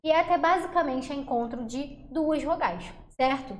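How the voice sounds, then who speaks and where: A woman teaching a Portuguese phonetics lesson for exam prep in a casual, chatty way, slowing down to sound out syllables. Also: high voice, a little hiss or hum. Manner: casual, chatty, addresses class as galera and gente. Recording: roomy echo.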